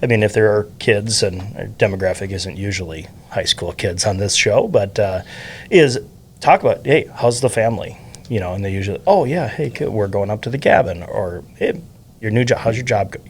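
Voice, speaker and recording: A man's voice: fairly low pitch, animated, fairly quick, slight background noise. A man in his forties hosting a casual podcast, asking long easygoing questions. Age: 40s. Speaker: podcast host.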